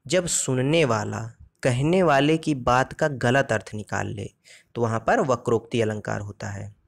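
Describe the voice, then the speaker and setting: In a creaky voice of medium pitch, ordinary for a man, this teacher walks through an exam-prep grammar lesson point by point. He asks his listeners questions and supplies the answers himself. Whenever he quotes verse, he slows down and recites it deliberately.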